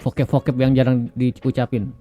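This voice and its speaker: A man's voice: mid-range voice, monotone, normal speed, dull audio, soft background music. A man co-hosting a casual podcast, mostly agreeing in short replies. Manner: agreeable, brief backchannels. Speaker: podcast co-host.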